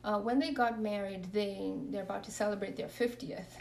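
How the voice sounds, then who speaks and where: A woman's voice: mid-range voice, steady tone, normal speed, slight background noise. A woman, a religious sister, earnestly sharing her faith story and leading prayer in an interview. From Kenya. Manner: earnest, reflective. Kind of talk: interview testimony and spoken prayer. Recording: voice a bit far from the mic.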